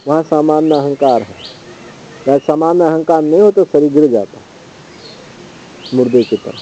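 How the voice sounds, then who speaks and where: Swami type, very slow and mellow, reads Sanskrit verses then unpacks them, dull lo-fi recording. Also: male voice, fairly high pitch, slight background noise. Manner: recites Sanskrit verses, then explains them slowly in Hindi. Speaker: swami teaching scripture. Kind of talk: scripture study commentary.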